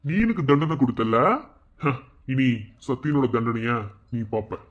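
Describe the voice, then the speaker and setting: A man voicing a bitter, vengeful father in a cartoon, taunting and shouting at his wife. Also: mid-range voice, a little slow, muffled recording, lightly acted. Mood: furious. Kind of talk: fan cartoon voice acting.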